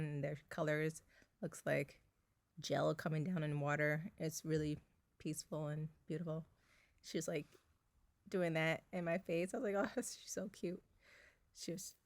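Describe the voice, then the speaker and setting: Low creaky-voiced woman telling a story. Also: dry recording. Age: 30s. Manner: chatty, frequent fillers and laughs. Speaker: vlogger. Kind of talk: casual personal storytelling. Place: bedroom at home.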